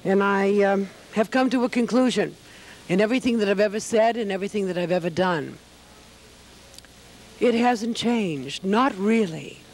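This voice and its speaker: A woman's voice: medium pitch, normal speed, a little mellow. An older woman comedian on a theater stage, delivering a wistful, theatrical monologue in rhyme to a live audience. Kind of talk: reflective stage monologue recited over piano. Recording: live stage show with piano accompaniment. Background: piano playing.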